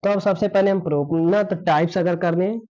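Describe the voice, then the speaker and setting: A man's voice: sits high, steady tone, brisk, mellow. A man teaches a grammar class, asking questions aloud and then answering them himself. He repeats his points in a patient classroom manner. The recording sounds dull and lo-fi. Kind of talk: classroom lesson explaining.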